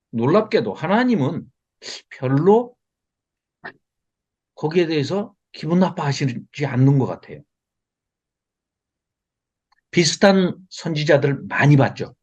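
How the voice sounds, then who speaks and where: Male Bible teacher on a video call, lively pitch, fairly high voice, dull lo-fi audio, quizzes his class. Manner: lively and expressive, chuckles often, asks the class questions. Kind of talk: online Bible lecture.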